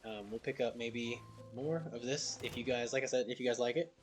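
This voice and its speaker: Male game streamer, middle pitch, informal, slangy commentary, faint music behind. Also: steady tone, a little fast. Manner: informal, slangy, addressing viewers. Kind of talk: casual gameplay commentary.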